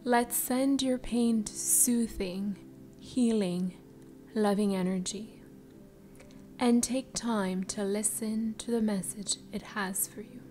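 A woman leads a guided meditation over background music. Her voice is soft and breathy, often sinking into a soothing spa whisper. She speaks very slowly at a medium pitch, leaving space between phrases. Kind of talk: slow guided meditation narration. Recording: music behind the voice.

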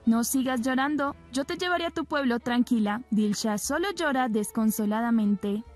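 A woman narrating a recap of a TV drama episode, retelling scenes and reading the characters' lines in her own plain voice. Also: on the high side. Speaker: soap opera recap narrator.

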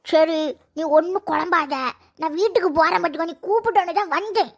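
Woman voicing a cartoon granny, Kanyakumari Tamil, blunt, very high and nagging. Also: fairly quick. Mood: scolding. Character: scolding old village grandmother, bossy and blunt. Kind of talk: cartoon voice acting.

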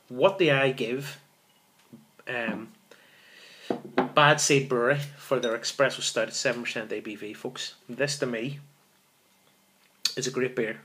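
A man in his thirties runs a casual beer review channel, talking to a camera in a small room in a mid-range, slightly bright voice. Enthusiastic, he repeats words a lot and calls his audience folks.

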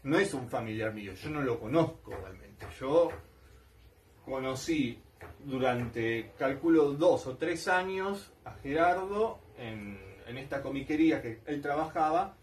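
Heard through a distant mic with a little hiss or hum, a man with a mid-range voice and an Argentine accent reminisces as a collector vlogger. His talk is colloquial, nostalgic, and repetitive.

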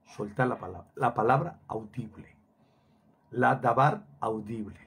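A man's voice: medium pitch, a little slow, fairly bright tone, slightly rough. A middle-aged man preaching a sermon emphatically, repeating phrases for stress and dropping Hebrew words into his talk.

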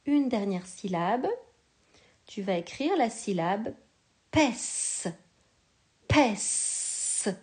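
A woman teacher giving a slow, patient spelling lesson to a young child, sounding out each syllable with care. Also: medium pitch, animated, warm tone.

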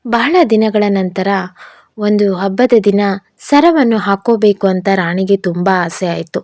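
Woman reading a story, warm mellow voice, dry close mic, calm and even. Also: mid-range voice, measured pace, no room sound. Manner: calm, even storytelling, livelier in quoted lines. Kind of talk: scripted story narration with acted dialogue.

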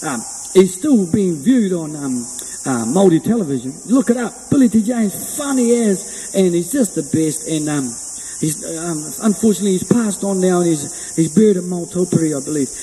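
A man's voice: high-pitched, expressive, normal speed, mellow. A man with a broad New Zealand Kiwi accent giving chatty, colloquial, folksy stage patter into a microphone as a musician. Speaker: musician entertainer. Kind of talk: folksy stage patter between sung lines. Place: outdoors on a hilltop above the sea. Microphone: microphone on a stand. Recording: outdoor mic with long reverb and music behind. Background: guitar music.

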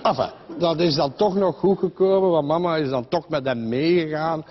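A man's voice: on the high side, moderate pace, dull audio, crowd noise. A man with a Flemish accent telling a comic story in a rambling, chatty way, full of fillers and voices of the people in it. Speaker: comedian.

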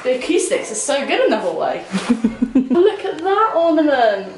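High, lilting young woman, echoey sound. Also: very animated, normal speed. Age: young adult. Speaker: vlogger giving a villa tour. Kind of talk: casual chatty tour commentary. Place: walking around a holiday villa, indoors and by the pool. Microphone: camera held by another person a few steps away. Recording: echoey rooms, noisy handheld camera audio.

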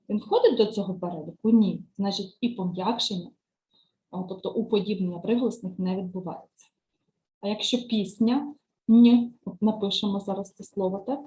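A woman teacher trainer giving a step-by-step screen-share software tutorial, patiently explaining each click and lesson task and often checking "right?". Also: mid-range voice, low-quality recording.

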